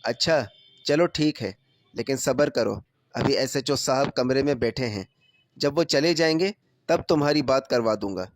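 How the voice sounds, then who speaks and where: A man voicing a gruff, sarcastic male police constable in a storybook reading. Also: mid-range voice, no room sound, close to an everyday voice.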